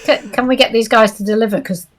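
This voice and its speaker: A woman chatting casually on a livestream, making slow, laughing interjections while others solve a puzzle. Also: fairly high pitch, background noise.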